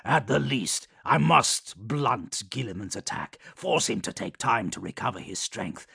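A man's voice: gravelly, bright, forceful tone, slightly rough, no room sound, clean studio sound, exaggerated voice. A man voicing a cold, scheming demon lord. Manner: slow, low, measured threats.

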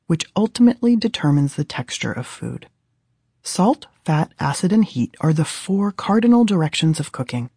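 In a dry studio with no echo, a woman in her thirties from Southern California reads her own book aloud as scripted audiobook narration. Her American voice sits low, with a dark, husky tone.

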